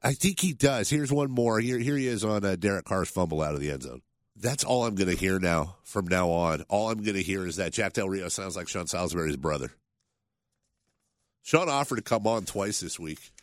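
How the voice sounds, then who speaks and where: Nasal sports radio host with a cold. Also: male voice, low voice, animated, normal speed, no room sound, studio quality. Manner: opinionated, casual. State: has a cold.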